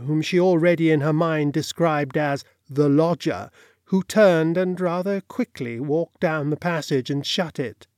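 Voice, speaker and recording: A man narrating a period novel in a measured, expressive storytelling manner. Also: on the high side, no room sound, studio quality. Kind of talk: audiobook narration.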